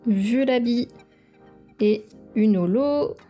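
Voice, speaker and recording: A woman's voice: fairly high pitch, extremely slow, mellow. A young woman, chatting enthusiastically as she opens trading card packs and praises each card. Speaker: card-opening video creator. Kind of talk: casual card-opening commentary. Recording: faint background music.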